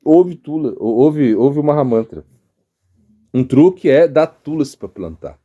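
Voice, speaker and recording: A middle-aged man with a Brazilian Portuguese accent giving an informal devotional sermon as a monk, telling stories lively and often restarting his sentences. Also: medium pitch, measured pace, highs cut off. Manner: animated storytelling, acts out quotes, frequent restarts and stammers. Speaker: monk giving a spiritual talk.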